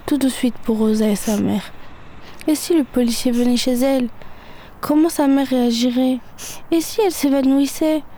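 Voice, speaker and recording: A woman's voice: high-pitched, moderate pace, mellow, slight background noise. A woman giving an anxious first-person dramatic reading.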